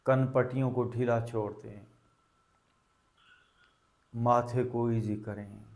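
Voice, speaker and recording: A man with a medium-pitched voice guides a meditation, speaking very slowly and deliberately in short, soothing phrases. Like a teacher, he leaves long pauses between instructions so students can follow along.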